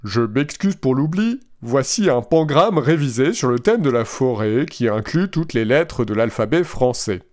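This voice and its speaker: A man's voice: medium pitch, a little slow, few pauses, lightly acted. Man putting on a half robot voice. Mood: robotic. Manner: flat, mechanical robot-style reading. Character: AI chatbot read in a put-on robot voice.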